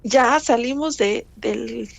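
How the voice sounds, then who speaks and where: Brief: middle-aged woman, slow earnest testimony, somewhat high voice, dry close sound. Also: creaky, no room sound. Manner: slow, earnest storytelling, addresses listener as brother. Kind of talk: emotional personal testimony.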